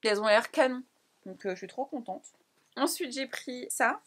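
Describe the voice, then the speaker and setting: A young woman from France, chatting excitedly and casually through a fashion haul vlog, with frequent laughs and quick asides. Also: a little high. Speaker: fashion vlogger.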